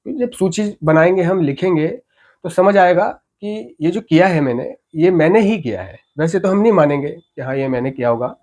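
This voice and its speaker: Male recovery speaker, slightly high-pitched, earnest and explanatory, casual teaching tone. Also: lively intonation, normal speed, a little mellow. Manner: earnest, explanatory, often adds tag questions. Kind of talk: informal spoken talk on recovery.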